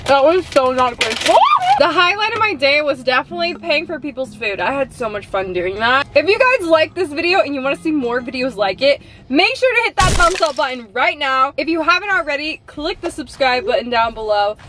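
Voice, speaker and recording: A woman's voice: high voice, fairly quick, background noise. Bubbly young woman vlogging from a car. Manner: bubbly, excitable, squeals when thrilled. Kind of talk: casual vlog chat. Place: in a car at a drive-thru.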